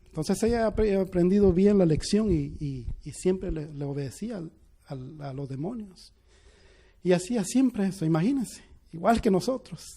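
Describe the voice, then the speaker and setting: A high-pitched male pastor delivering a sermon. He moves between quiet, hushed storytelling and loud, emphatic preaching, with plenty of restarts as he goes. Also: normal speed, creaky, breathy edge.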